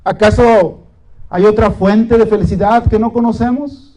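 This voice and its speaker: High voiced pastor preaching, lots of pauses and repeats. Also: male voice, steady tone, mellow, rough recording. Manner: dramatic preaching with pauses and repetition. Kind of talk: sermon.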